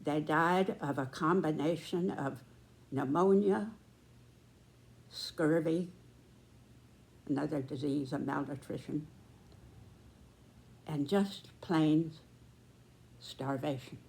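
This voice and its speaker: Casting: American woman, 90s. Deep for a woman, unhurried and deliberate, pausing often, earnest commentary. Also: vocal fry, a little mellow. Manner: deliberate, measured, with pauses between short phrases. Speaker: speaker giving a personal commentary.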